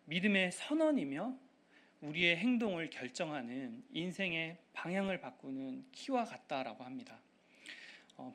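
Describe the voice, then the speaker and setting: Lively earnest male pastor preaching. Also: on the high side. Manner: earnest preaching with frequent "eo" fillers and rising emphasis. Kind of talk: sermon.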